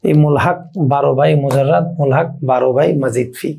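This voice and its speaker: Gravelly-voiced man teaching Arabic grammar. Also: medium pitch, fairly quick. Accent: Bangladeshi. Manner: chants conjugation tables in steady rhythmic runs; asks the class questions and answers them himself. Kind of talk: recitation-style lesson.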